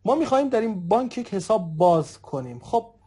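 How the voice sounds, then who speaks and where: A man in his thirties teaching a recorded language lesson, patiently repeating example phrases slowly and often addressing his listeners as friends. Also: high-pitched, very animated, warm tone, husky. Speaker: Arabic dialect teacher.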